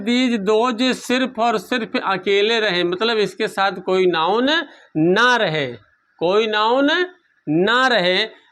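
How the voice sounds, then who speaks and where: A man's voice: high-pitched, fairly bright tone. A man teaching a grammar lesson, asking questions and answering them himself, repeating key terms.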